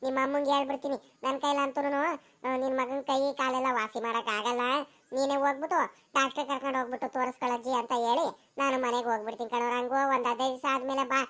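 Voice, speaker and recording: A woman's voice: high voice, level tone, fast, a bit bright. A woman voicing a young village woman in a cartoon, scolding her sweetheart with dramatic sighs. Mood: fretful. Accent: Karnataka rural Kannada. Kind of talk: cartoon voice acting.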